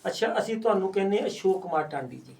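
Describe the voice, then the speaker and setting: A man's voice: sits high, lively intonation, fast talker, a little mellow, recorded from a distance. A man interviewing a poet in a casual talk, often putting in short agreeing replies.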